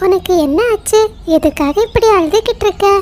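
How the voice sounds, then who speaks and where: A woman's voice: very high voice, normal speed, darkish tone. A woman voicing a scheming female crow who speaks in a nosy, wheedling way. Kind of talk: cartoon voice acting.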